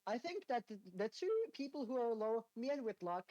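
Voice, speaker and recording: A woman player in a tabletop game, talking in lively, quick reactions. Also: fairly high pitch, no room sound, muffled recording. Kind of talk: casual tabletop play.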